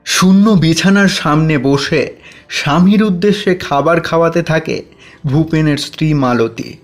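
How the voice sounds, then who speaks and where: A man narrating a village horror story in a dramatic, measured way. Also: a little high.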